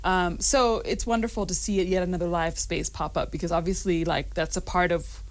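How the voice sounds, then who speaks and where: A woman's voice: fairly low pitch, steady tone, moderate pace. Earnest woman guest in radio studio. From Rwanda and Uganda, raised mostly in the United States. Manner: thoughtful, earnest, frequent ums and laughs. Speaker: guest singer-songwriter.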